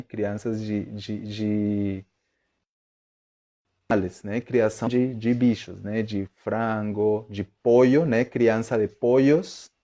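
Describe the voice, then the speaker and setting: Guy teaching on a live stream, slow and mellow, keeps asking if everyone's following. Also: medium pitch, dull audio. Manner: chatty, checks in with viewers often. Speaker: Spanish teacher. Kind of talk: live online lesson.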